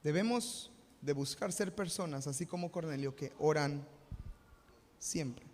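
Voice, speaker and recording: A Mexican pastor preaching live with a high, ringing voice. He often asks the congregation a question and then answers it himself. His voice echoes with the long reverb of a church hall. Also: measured pace, a little mellow. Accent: Mexican Spanish. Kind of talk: live sermon. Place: church sanctuary.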